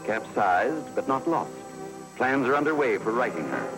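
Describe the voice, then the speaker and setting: A man's voice: mid-range voice, sing-song, moderate pace, over music, low-quality recording. A man giving emphatic, declamatory old newsreel narration in 1940s style.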